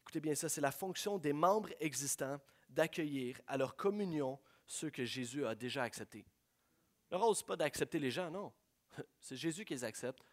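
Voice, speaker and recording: A young man preaching a sermon, telling stories in an animated way and slipping in English phrases. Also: fairly high pitch, normal speed. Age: young adult.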